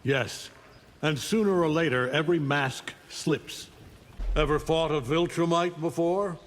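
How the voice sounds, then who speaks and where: A man's voice: on the high side, unhurried, lightly acted. A man playing an arrogant, menacing alien conqueror in a video game, speaking with cold, contemptuous command. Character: arrogant, menacing alien superpowered conqueror, mature male warrior. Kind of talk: video game fight intro acting. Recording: long reverb on the voice.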